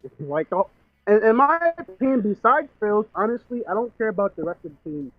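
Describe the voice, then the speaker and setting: Muffled high-voiced man, as if through a wall. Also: very animated, no room sound. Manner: halting, with many fillers and restarts. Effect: muffled, as if heard through a wall. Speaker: caller. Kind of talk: casual call-in chat about football. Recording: dull muffled phone call.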